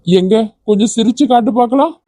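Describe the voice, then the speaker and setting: A man's voice: extremely high pitch, fast, mellow, no room sound. A man voicing a protective young hero in a cartoon, teasing and firm in turn. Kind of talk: cartoon voice acting.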